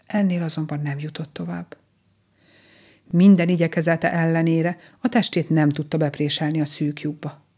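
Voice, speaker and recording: A woman calmly reading a children's storybook aloud in a gentle, measured way. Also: low voice.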